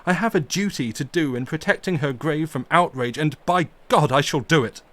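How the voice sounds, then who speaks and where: A man voicing a passionate, grief-stricken young nobleman who speaks in loud, impassioned exclamations. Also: fairly high pitch, moderate pace, voice pushed up, close to an everyday voice. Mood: outraged.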